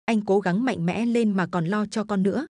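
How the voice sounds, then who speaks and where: A woman voicing a scheming village woman who coaxes gently, in a storytelling reading. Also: mid-range voice, moderate pace, dry recording, clean studio sound, lightly acted. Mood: coaxing. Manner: coaxing, then yelling scoldings. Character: scheming village woman, sweet-talking then harsh. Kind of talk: storytelling voices.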